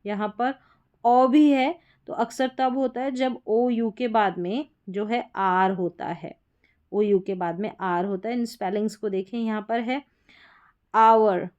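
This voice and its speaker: A woman's voice: mid-range voice, measured pace, a little mellow, lo-fi sound. A woman with an Indian accent teaching English pronunciation, explaining rules patiently and reading word lists aloud one word at a time. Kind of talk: explaining lesson.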